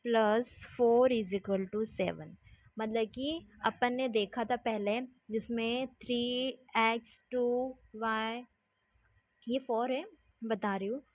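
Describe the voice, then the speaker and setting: Woman maths teacher, patient and step by step, slightly high voice, dull lo-fi audio. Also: no echo. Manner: patient, repeats "ठीक है" to check along. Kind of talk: explaining a lesson at a board. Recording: dull lo-fi sound.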